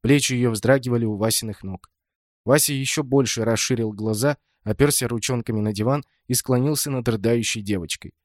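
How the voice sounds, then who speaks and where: A man's voice: medium pitch, brisk, no echo. Man narrating a story, dry close sound. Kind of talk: scripted audiobook narration.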